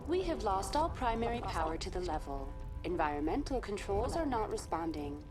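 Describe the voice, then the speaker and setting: A woman voicing a calm female station computer that reads formal emergency announcements over a loudspeaker. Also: medium pitch, over loud music. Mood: calm alarm. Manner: even, measured, formal announcing. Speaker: game character.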